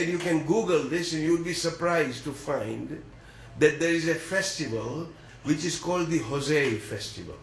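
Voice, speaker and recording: A man from East Africa preaching a religious sermon, earnest and measured, with deliberate pauses. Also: a little high, a bit bright, echoey room, low-quality recording.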